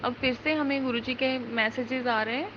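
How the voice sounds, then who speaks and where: A woman's voice: high-pitched, steady tone, moderate pace, dull audio, noisy background. A woman sharing an earnest, emotional devotional testimony, mixing English words into her talk.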